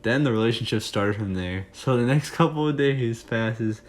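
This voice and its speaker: A man's voice: mid-range voice, normal speed. A young man telling a casual, jokey story to his viewers, rambling with fillers and asides. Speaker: storytime vlogger.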